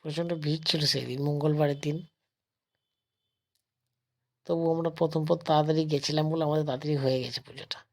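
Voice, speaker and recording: A travel vlogger from West Bengal, India, with a slightly high voice, walks around temple grounds filming on a phone held in his own hand. A sore throat makes him speak slowly and softly, in a flat, even tone, as he addresses viewers as friends in this casual vlog.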